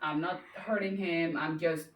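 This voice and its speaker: This dog trainer has a lowish voice, fairly even intonation, and a slightly slow delivery. She casually explains a training session while stopping to cue and praise the dog, captured on a roomy recording with a distant mic and faint noise.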